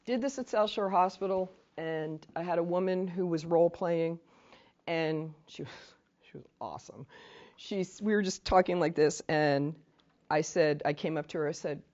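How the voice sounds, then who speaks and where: The recording is dull, and her voice sits on the low side at a normal speed. She's a woman giving a relaxed training lecture in a meeting room, animated and talkative, weaving in stories and side remarks.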